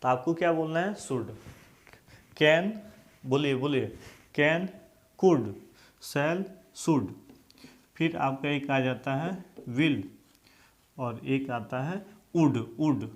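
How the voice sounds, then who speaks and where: A man's voice: fairly high pitch, takes it slowly, pauses often. A male English grammar teacher with a Hindi accent, giving a classroom-style lesson and repeatedly asking questions so students answer aloud.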